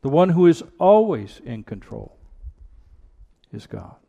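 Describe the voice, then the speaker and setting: A man preaching at a pulpit microphone, his voice gravelly and mellow. He delivers an earnest church sermon and drives his points home with repeated rhetorical questions. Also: fairly high pitch, sing-song, slow pace, highs cut off. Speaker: pastor. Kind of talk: sermon with prayer and scripture reading.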